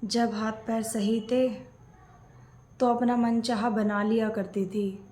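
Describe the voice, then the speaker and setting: A woman's voice: fairly high pitch, flat delivery, slow pace, warm tone, roomy sound. A woman acting out a scripted family skit, playing both a mother-in-law and a daughter-in-law.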